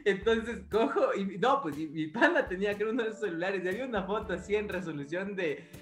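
A man's voice: sits high, animated, brisk, reverberant. A man with an Ecuadorian accent, hosting a podcast, telling a story in casual chat with a lot of swearing and mouth sound effects. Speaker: podcast host.

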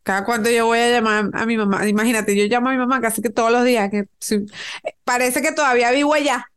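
Venezuelan woman, podcast co-host, animated storyteller who laughs a lot, voice sits a bit high. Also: fast talker, smooth. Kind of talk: casual chat.

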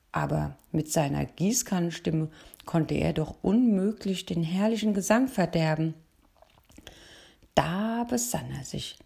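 Gravelly, husky woman reading a story. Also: deep voice, mellow. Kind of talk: reading a children's story aloud.

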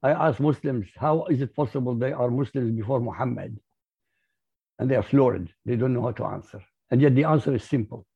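A man's voice: mid-range voice, a little fast, vocal fry, slightly rough. A man from Iraq whose first language is Arabic, speaking with an Arabic accent as an interview guest, in an emphatic, lecturing way. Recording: muffled lo-fi audio.

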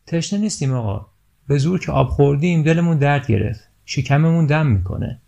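A man's voice: fairly high pitch, animated, creaky, warm tone, muffled recording, voice pushed up. A man reading a storybook aloud, voicing squabbling young village schoolboys who whine and complain. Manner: whiny, complaining.

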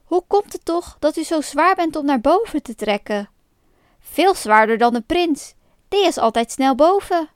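A woman narrator voices a gentle young maiden from a storybook, eager and quick as she speaks. The voice is high and heard dry and close, much like the reader's own. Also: expressive, no echo. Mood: curious.

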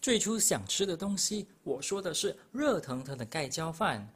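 A young man voicing a hungry wolf in a storybook reading, rough and breathy. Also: fairly high pitch, very animated, normal speed. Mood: sheepish. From Malaysia. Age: young adult. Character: big hungry wolf, eager then sheepish.

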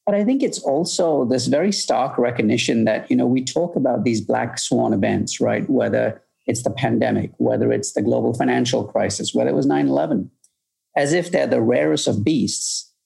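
A middle-aged man with a deeply gravelly, husky voice answers interview questions. He is measured and reflective and leans on "you know." He was born in Malaysia and grew up in the UK. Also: warm tone, poor audio. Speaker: guest, future-of-work consultant.

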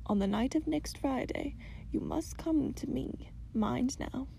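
A woman voicing a gentle, wise, very old grandmother in a storybook, speaking in a soft, hushed half-whisper. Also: high voice, lively intonation, measured pace, vocal fry, a little hiss or hum, full character voice. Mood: solemn.

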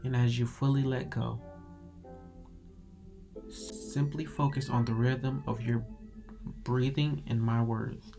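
A man narrating a guided meditation in a calm, soothing, measured meditative tone. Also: medium pitch, creaky. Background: music.

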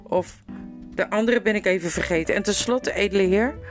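A woman's voice: medium pitch, fairly quick, faint music behind, close to an everyday voice. A woman reading aloud, voicing a proud young king who speaks in a bold, formal and commanding way.

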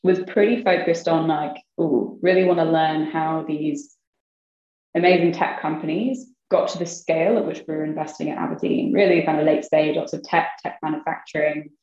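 Speaking at a moderate pace with a steady, darkish tone, the young woman's voice is low. She's a venture investor guesting on an interview, chatting casually with many "like" and "kind of" fillers, and the sound is roomy and a bit dull.

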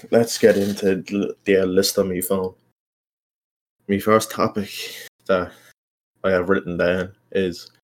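A man's voice: deep voice, a little mellow, slight background noise, poor audio. A young man with an Irish accent hosting a casual solo podcast, rambling informally and self-consciously with plenty of swearing. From Ireland. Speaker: podcast host.

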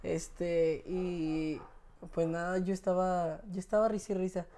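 A young man in his twenties with a Mexican Spanish accent, talking as a podcast guest. His voice is soft and mellow, and he laughs easily as he tells his stories in a relaxed, casual way. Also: high voice, a little slow, a little hiss or hum. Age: 20s. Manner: laughs often while telling stories. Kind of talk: casual interview storytelling.

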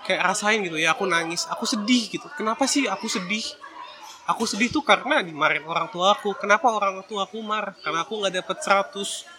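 Guy giving chill advice to viewers, high voice, really bright and sharp, slangy, throws in english bits. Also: fast talker, a little hiss or hum. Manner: chatty, slangy, drops in English phrases. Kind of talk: casual advice talk to viewers.

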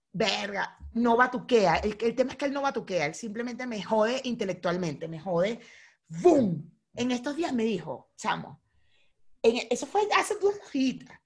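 Young Venezuelan woman co-host, lively and talkative, a bit high-pitched. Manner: animated, repetitive, laughing often. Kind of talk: casual chat, acting out a mock argument.

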